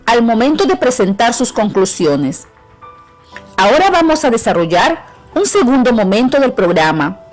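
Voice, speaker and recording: A middle-aged woman with a Peruvian accent, a teacher giving a clear, measured lesson on an educational radio program. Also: a little high, low-quality recording. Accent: Peruvian Spanish. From Peru. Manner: clear, measured instruction to students.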